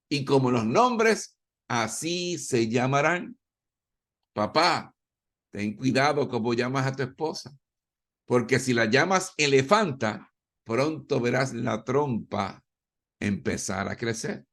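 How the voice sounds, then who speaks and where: Slow, emphatic man giving parenting advice. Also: mid-range voice. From Ecuador. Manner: emphatic, repeats key points, acts out little dialogues. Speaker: parenting speaker. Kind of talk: parenting talk.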